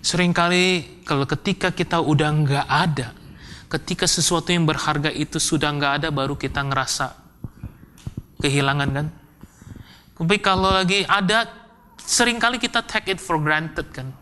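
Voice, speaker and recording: A male pastor with a bright, forceful voice pitched a little high. He preaches by telling his own story, sinking to near-whispers and then swelling into strong, emphatic lines. English phrases slip into his talk. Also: steady tone, normal speed, a little hiss or hum. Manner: confessional storytelling, swinging between hushed whispers and emphatic outbursts. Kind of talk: sermon.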